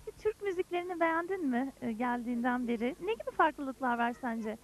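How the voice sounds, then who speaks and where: A woman's voice: high-pitched, animated, a little fast, rough recording. A woman presenter interviewing guests in a broadcast field report, putting questions to them.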